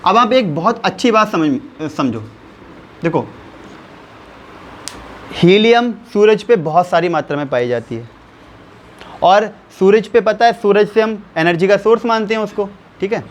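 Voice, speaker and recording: A man with a high-pitched voice teaches a chemistry lesson. He slows down to spell out each value step by step. He keeps asking his listeners questions and repeating the key terms back to them. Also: animated, slight background noise. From India.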